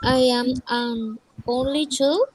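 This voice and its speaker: A woman student answering in an online class, unsure of herself. She reads English answers very slowly. The sound is dry, with no room echo. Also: high voice, fairly even intonation.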